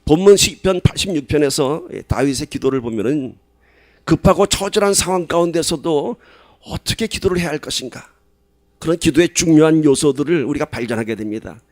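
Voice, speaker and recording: A pastor giving a sermon in a conversational way, asking the congregation questions and rising to loud, emphatic stretches. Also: male voice, a little high, fairly quick, dry recording, studio quality.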